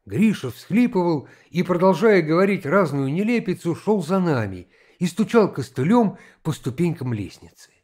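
A man's voice: a little high, sing-song, moderate pace, few pauses, darkish tone. A man narrating a classic novel as an audiobook, telling the story expressively.

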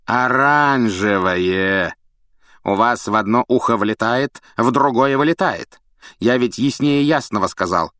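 A man voicing a stern, sneering male potions teacher, speaking in a cold, mocking, drawn-out way in an audiobook. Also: mid-range voice, a bit bright, no room sound, clean studio sound, lightly acted. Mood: scornful. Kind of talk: audiobook character voice.

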